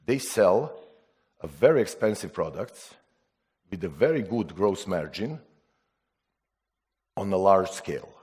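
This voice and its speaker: A man from Serbia speaking non-native English at a conference, halting with restarts and putting rhetorical questions to the audience. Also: low voice, animated, darkish tone. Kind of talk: conference talk.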